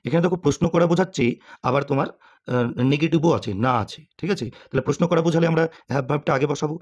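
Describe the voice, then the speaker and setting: A man's voice: a little high, racing, a little mellow. A man teaching English grammar to students, asking questions and answering them himself, with frequent "okay?" check-ins.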